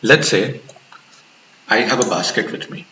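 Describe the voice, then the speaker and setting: Low-voiced man lecturing in a roomy room. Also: a little slow, pushed and bright. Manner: explains step by step with rhetorical questions and repetition. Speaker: instructor. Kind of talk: classroom-style lecture. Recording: roomy, dull lo-fi recording with hiss.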